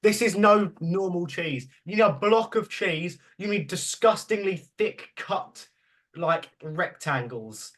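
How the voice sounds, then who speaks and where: A man's voice: sits high, animated, takes it slowly, fairly bright tone. A man hosting a casual podcast, laughing, swearing and rambling as he chats with his guests. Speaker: podcast host.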